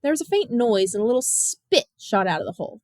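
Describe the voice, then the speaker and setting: Female audiobook narrator, measured and expressive, fairly high voice, dry close mic. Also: no echo. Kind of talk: scripted narration.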